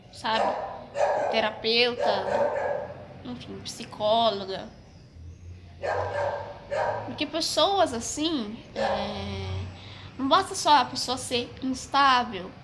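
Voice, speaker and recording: A woman's voice: fairly high pitch, background noise. A young woman with a Brazilian Portuguese accent talking frankly to camera, hesitant and full of restarts, with a slight cough. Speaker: vlogger. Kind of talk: casual personal storytelling to camera.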